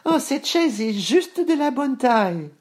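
A man's voice: very high-pitched, sing-song, unhurried, darkish tone, voice pushed up, heavily acted. Boucle d'Or, a man putting on a little girl. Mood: childlike. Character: curious little girl, sleepy and polite. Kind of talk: storybook reading.

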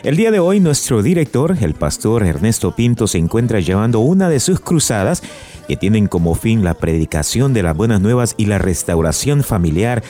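Radio host guy asking interview questions, lowish voice, swoops up and down a lot. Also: very animated, moderate pace, mellow, faint music behind. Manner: scripted, announcer-like questioning.

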